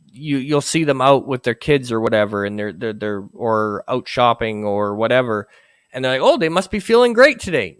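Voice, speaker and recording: Man, guest on a chat show, halting speech, dry close sound. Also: mid-range voice, fairly bright tone, clear, resonant tone, no echo. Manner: halting, many restarts. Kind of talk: casual chat.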